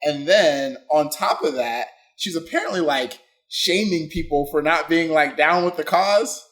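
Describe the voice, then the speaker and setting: A man's voice: fairly high pitch, a little slow, a bit bright. A young man co-hosting a podcast, chatting casually, joking and rambling with lots of fillers. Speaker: podcast co-host. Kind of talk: casual chat.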